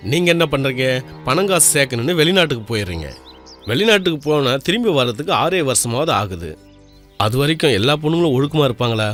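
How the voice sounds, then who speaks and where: A calm, moralizing village elder. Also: male voice, on the high side, fast. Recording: film soundtrack with music.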